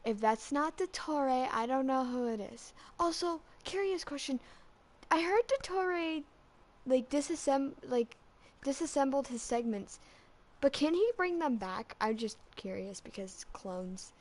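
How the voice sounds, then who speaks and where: A woman chatting casually as a fan vlogger, rambling and excitable with lots of restarts, her voice cracking slightly from being sick. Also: high-pitched, a little slow. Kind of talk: casual chat.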